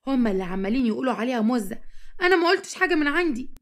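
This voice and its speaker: Brief: a woman playing a cheeky little Egyptian boy, high, whiny, quick. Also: very animated. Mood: defensive. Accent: Egyptian Arabic. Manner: whiny, defensive.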